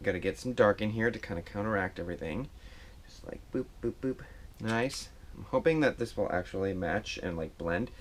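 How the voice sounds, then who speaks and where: A man's voice: lowish voice, a little fast, a little hiss or hum. Chatty man doing a home makeup tutorial. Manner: chatty and self-deprecating, rambling with fillers. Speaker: makeup vlogger. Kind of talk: casual makeup tutorial chat. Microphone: action camera.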